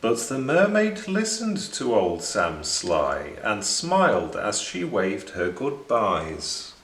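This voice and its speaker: Slow, expressive male storybook reader. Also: on the low side. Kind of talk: expressive children's storybook narration. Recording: echoing room.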